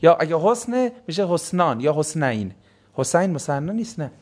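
High-voiced man giving a lively lecture. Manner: asks the class questions and answers them himself. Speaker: religious studies teacher. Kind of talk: classroom lecture on Quranic words.

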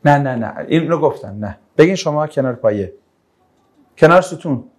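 A man teaching Quran interpretation to a class, animated, calling on students one by one and turning down their answers. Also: a little high. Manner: animated, calls on students and keeps rejecting answers. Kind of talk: classroom lecture with questions to students.

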